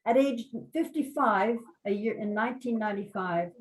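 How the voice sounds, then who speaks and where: An older woman on a video call tells a personal story in a reflective, halting way, with restarts. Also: a little high, distant mic, poor audio. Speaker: workshop participant.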